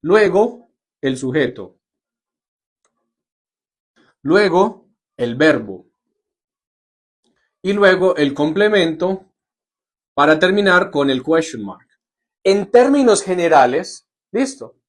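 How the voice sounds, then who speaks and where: Lively man teaching a live class. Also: on the high side, takes it slowly, long pauses. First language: Spanish. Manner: lively, jokey, asks "¿listo?" often. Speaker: English teacher. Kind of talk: live online lesson.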